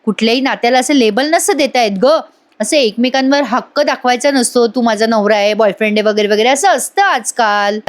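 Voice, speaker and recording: A woman's voice: on the high side, brisk, natural voice. A woman voicing a modern young daughter who coaxes and explains with impatience. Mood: exasperated. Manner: coaxing, exasperated.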